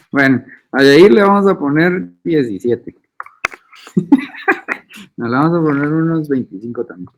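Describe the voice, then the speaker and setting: Speaking in a slightly high, darkish voice, a male university lecturer calls roll and teaches informally with a teasing edge. It's a video call, and the sound is tinny like a phone line.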